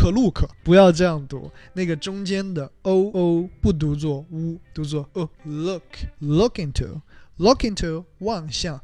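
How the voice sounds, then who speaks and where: Brief: male podcast host, fairly high voice, friendly teacher tone, soft music underneath. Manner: chatty, asks listeners "right?", switches between Chinese and English examples. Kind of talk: casual teaching, explaining English words.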